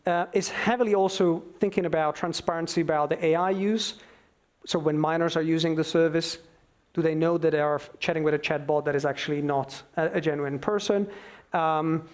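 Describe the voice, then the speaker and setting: A man giving an explanatory expert talk, with halting phrasing and emphatic bursts. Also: a little high. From Slovakia. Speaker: expert speaker.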